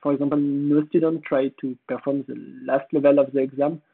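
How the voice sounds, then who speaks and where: A man with a French accent and a hoarse voice, giving a technical conference presentation in a halting way, pausing to search for words. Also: medium pitch, little pitch movement. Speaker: conference speaker. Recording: tinny phone-like audio.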